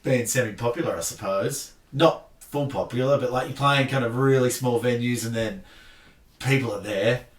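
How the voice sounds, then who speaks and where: A man's voice: mid-range voice, moderate pace, recorded from a distance. An Australian man in his thirties chatting casually as a podcast guest, laid-back and self-deprecating. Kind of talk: casual chat. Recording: roomy sound, off-mic.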